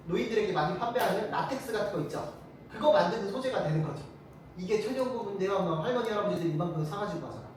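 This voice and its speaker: A teacher giving a casual classroom lecture, firing quick rhetorical questions at the students. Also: medium pitch, slight background noise. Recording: very echoey room, mic far off.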